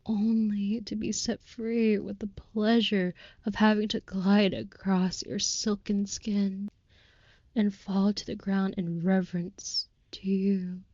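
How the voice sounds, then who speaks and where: The recording feels close, dry, slightly dull and echo-free, like an intimate audio roleplay in which a woman plays a utterly devoted, ornately romantic female vampire lover. Tender and adoring, her mid-range voice stays level, mellow, soft and breathy with whispered moments, as she slowly and reverently delivers florid, archaic formal lines.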